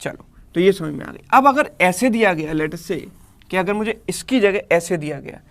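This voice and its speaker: A man's voice: sits high, lively intonation, moderate pace. Hindi-speaking male math teacher. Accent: Indian English. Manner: explains step by step, checks with students. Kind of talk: live online math class.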